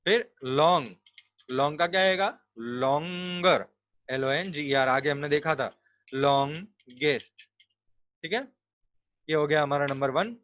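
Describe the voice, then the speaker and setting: A man's voice: a little high, takes it slowly, long pauses, dry recording. A man teaching a grammar lesson, explaining step by step and spelling words out letter by letter. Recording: dull, lo-fi dry recording.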